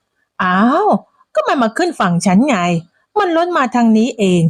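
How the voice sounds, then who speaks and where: A woman voicing a bossy, teasing elderly village woman who talks in a shrill, dismissive way. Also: sing-song, a little slow, no room sound, clean studio sound. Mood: mocking.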